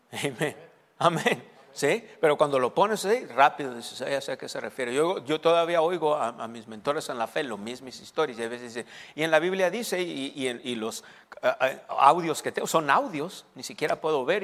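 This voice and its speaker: A man's voice: medium pitch, a bit bright, long reverb tail. A male pastor preaching a sermon to his congregation, asking them questions and repeating key phrases for emphasis. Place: church hall.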